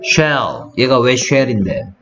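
A man tutors a student one-on-one in English phonics, quizzing them on letter sounds in a medium-pitched, sing-song voice at a very slow pace. The audio is dull and lo-fi, with music underneath.

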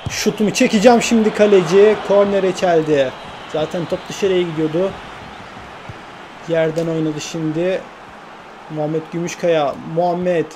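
A man commentating his own football video game career, excitable, grumbling and cheering at his own play. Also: high voice, moderate pace, noisy background. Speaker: gaming YouTuber.

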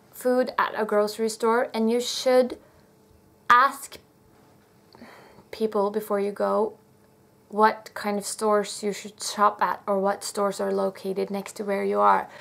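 A young Norwegian woman in her twenties with a Norwegian accent, talking casually to camera in a small room, relaxed and pausing to recall prices. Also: a little high, gravelly. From Norway. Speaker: language teacher vlogger.

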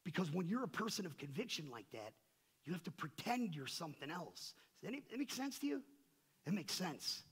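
Husky high-voiced male pastor preaching. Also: very animated, a little fast. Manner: swings from loud emphatic peaks to soft low asides; rhetorical questions to the congregation. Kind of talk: sermon.

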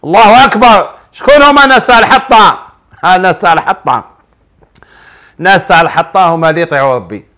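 Animated, quick, and sharp in tone, this high-voiced Algerian Arabic speaker works as a TV sheikh, going through viewers' questions to give religious advice. He preaches, leaning constantly on rhetorical questions.

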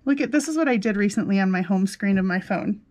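A woman's voice: medium pitch, expressive, fast, darkish tone. A woman hosting a crafting vlog, chatting casually in a rambling, effusive and exclamatory way. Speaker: crafting channel host. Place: indoors at a desk with a laptop.

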